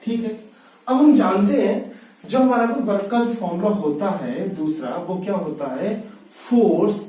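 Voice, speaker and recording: A man's voice: high-pitched, measured pace, dark tone. A man teaching physics in a classroom-style lecture, asking questions and answering them himself, repeating key terms. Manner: repeats key terms, mixes English into speech. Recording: echoey room, voice from far off.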